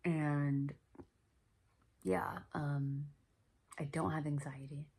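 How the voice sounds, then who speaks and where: A woman hosting a podcast, talking earnestly about her own experience in a soft, reflective monologue that often drops to a whisper. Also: low-pitched, fairly even intonation, extremely slow, vocal fry, breathy edge. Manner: earnest and self-reflective, with many fillers. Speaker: podcast host.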